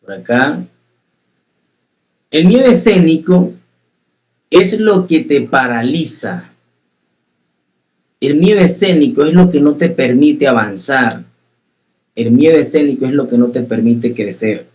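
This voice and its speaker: A man's voice: medium pitch, lively intonation, measured pace, long pauses, a little mellow, rough recording. Guy teaching a speaking class online, earnest, says things twice to drive it home, talks right to students. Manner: earnest, repeats key phrases for emphasis; addresses students directly, asks questions.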